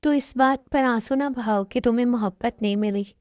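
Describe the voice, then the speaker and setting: A caring young college guy, voiced by a woman in an amateur dubbed love story, soothing and earnest as he talks. The voice sits fairly high and mellow. It is recorded close and dry. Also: brisk, dry recording, close to an everyday voice.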